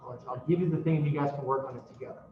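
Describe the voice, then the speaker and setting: A man's voice: mid-range voice, racing, a little hiss or hum. A man lecturing a university class in a casual, self-mocking way, swearing now and then. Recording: roomy, distant, dull classroom recording.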